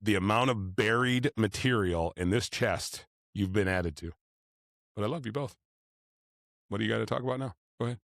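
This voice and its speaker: A man's voice: fairly low pitch, moderate pace, gravelly, a bit bright, no echo, studio quality. A man chatting casually as a podcast host, telling stories with the slightly slurred articulation of someone wearing braces. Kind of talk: casual animated banter and storytelling.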